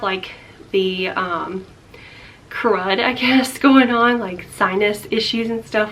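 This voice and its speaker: A woman's voice: medium pitch, a bit bright, a little hiss or hum. Chatty young woman, a bit breathless. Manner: rambling, filler-heavy, chatty. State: slightly out of breath. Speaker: vlogger. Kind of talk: casual life update vlog.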